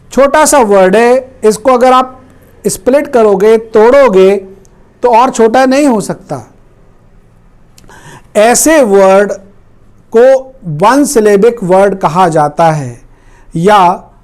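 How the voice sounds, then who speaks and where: A man teaching English grammar in Hindi, repeating each example word slowly for learners. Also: high voice, darkish tone. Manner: slow, repeats words for learners. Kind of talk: Hindi-language grammar lesson.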